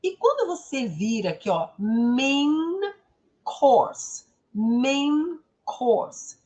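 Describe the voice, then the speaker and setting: A woman from Brazil, a native Portuguese speaker, teaching English pronunciation. She repeats each word slowly and keeps checking in with short tag questions. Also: mid-range voice. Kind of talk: didactic explanation of pronunciation.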